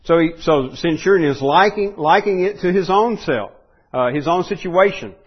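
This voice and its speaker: Male preacher, slightly high voice, earnest, halting restarts, muffled lo-fi recording. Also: husky. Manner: earnest, many restarts and ums, rises when stressing a point. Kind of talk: sermon.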